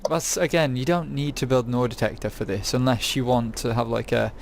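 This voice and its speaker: Rambling young British gamer. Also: male voice, medium pitch, steady tone, brisk, creaky, a little hiss or hum. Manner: rambling, bursts into silly songs. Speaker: gaming video host. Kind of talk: casual gameplay commentary.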